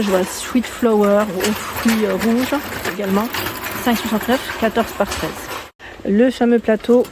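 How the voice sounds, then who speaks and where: A woman's voice: mid-range voice, mellow, a little hiss or hum. Chatty woman vlogging in a store. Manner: chatty, friendly, many fillers. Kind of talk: casual shopping haul vlog. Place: inside a discount store.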